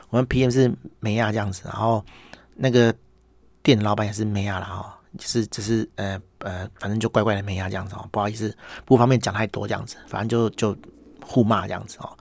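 A man's voice: lowish voice, little pitch movement, fairly quick, vocal fry, a little mellow, dry recording. A man with a Taiwanese Mandarin accent chatting casually as a podcast host, telling stories in a wry, exasperated way and tagging his sentences with "hor". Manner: chatty, peppers speech with "hor" tags. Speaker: podcast host, business owner. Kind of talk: casual monologue.

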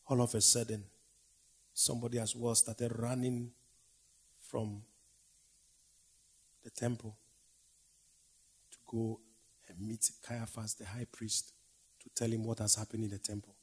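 A man preaching a dramatic sermon, swinging from loud declaiming to hushed whispers in a slow, repetitive cadence. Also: lowish voice, level tone, slightly rough.

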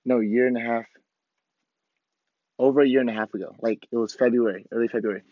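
A hoarse man with a worn-out voice hosting a podcast, talking casually and candidly in a rambling, profanity-heavy motivational monologue. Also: mid-range voice, fairly even intonation, fast talker. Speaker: podcast host. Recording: dull, lo-fi, roomy echo.

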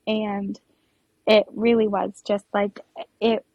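Young woman, podcast guest, husky and a little gravelly, filler-heavy and emotional; muffled, dry sound. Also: medium pitch, level tone, takes it slowly, darkish tone, no room sound. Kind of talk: personal storytelling interview.

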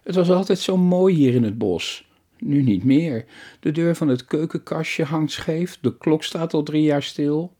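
Man doing a fast-talking eager boy. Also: a little high, warm tone, voice pushed up. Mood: blunt. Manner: talks fast, blurts things out. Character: eager blurting boy of about eleven.

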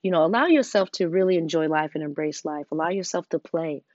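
A woman giving an earnest, encouraging motivational talk, often dropping into hushed tones. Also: sits low, fast, no echo, muffled recording. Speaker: host.

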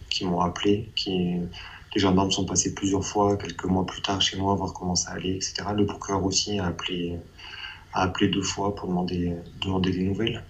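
A man's voice: low-pitched, slight background noise, rough recording. A man giving a hesitant personal testimony in an interview, often repeating and restarting his phrases.

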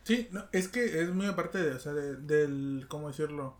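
Hesitant Mexican man, slightly higher voice. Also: normal speed. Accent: Mexican Spanish. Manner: hesitant, repeats words while searching for them. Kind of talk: casual chat.

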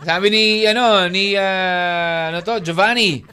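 A woman hosting a radio show in casual banter, chatty and quick to react with questions. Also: lowish voice, bright, forceful tone, a little hiss or hum. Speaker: radio host.

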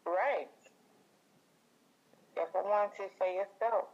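A woman's voice: medium pitch, takes it slowly. A woman speaking over a phone call as an interview guest, hesitant and repeating phrases as she searches for words. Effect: heard over a phone call. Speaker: interview guest, early childhood educator. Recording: dull, muffled phone line.

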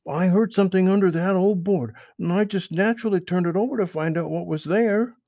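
A man's voice: high-pitched, fairly quick, warm tone, no echo, clean studio sound, pitched above the performer's own voice. A man voicing Peter Rabbit, an eager and apologetic young male rabbit, in an earnest, pleading storybook reading. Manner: earnest, pleading, wide-eyed.

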